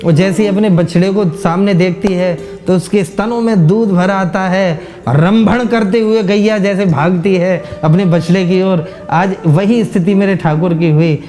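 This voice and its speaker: A male devotional storyteller narrating with emotional fervor and often turning to his audience. His voice is high yet mellow and warm, with quiet instrumental music in the background. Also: fairly even intonation, moderate pace, hardly any pauses. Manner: emotive, addresses listeners directly.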